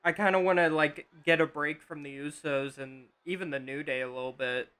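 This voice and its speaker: Man, bright higher voice, casual stream commentary, rambling with lots of fillers. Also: fairly even intonation, fairly quick, clean tone. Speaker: streamer hosting wrestling game commentary.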